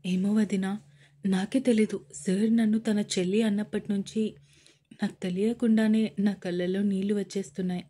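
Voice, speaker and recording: Earnest young orphan girl, read by a woman, emotional, breathy voice, storybook reading. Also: mid-range voice, level tone, normal speed, dark tone, close to an everyday voice. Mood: tearful. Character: young woman, orphaned shy office worker.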